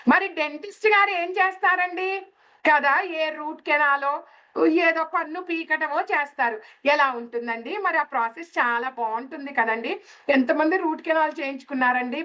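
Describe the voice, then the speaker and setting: A woman's voice: high-pitched, bright, forceful tone, highs cut off. A woman teaching spiritual lessons through everyday stories, often asking her listeners questions. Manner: asks the listeners questions with tag words. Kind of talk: explaining scripture with everyday stories.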